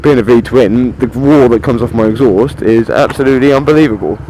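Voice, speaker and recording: A British man talks from inside a motorcycle helmet, with clear vehicle noise around him. His pitch is average for a man. He rambles along in an informal, chatty way, like a rider vlogging on the road, and drops in mild swearing. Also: fairly quick. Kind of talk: casual motovlog chat to the viewer while riding.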